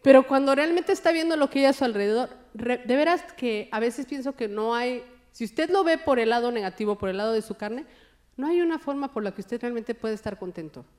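A married woman gives a lively sermon, joking often and calling her listeners brother. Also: fairly high pitch, brisk. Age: adult, married. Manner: jokey and animated, often calls listeners brother. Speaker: lay preacher.

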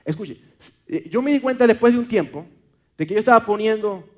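A man's voice: high-pitched, animated, fairly quick, a little mellow, muffled recording. A man from Maracaibo with a Venezuelan accent, preaching a sermon, often repeating words and stumbling on fillers as he calls listeners brother.

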